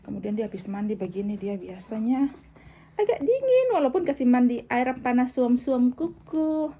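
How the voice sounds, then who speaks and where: A woman's voice: on the high side, normal speed, husky. A woman, vlogging casually at home and cooing to her baby between remarks to viewers. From Indonesia. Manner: chatty, coos softly to her baby, sometimes drops to a hush.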